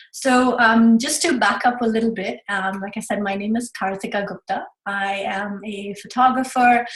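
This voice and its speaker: A woman's voice: medium pitch, reverberant, poor audio. A woman in her thirties from India, hosting a casual webinar from her home study in a chatty way with frequent ums. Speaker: webinar host, photographer.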